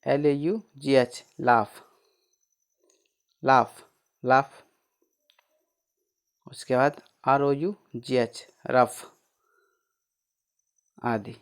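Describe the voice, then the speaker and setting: A man with a clear, resonant, mid-range voice teaches a pronunciation lesson. He spells every word letter by letter and then repeats it slowly, posing questions and answering them himself.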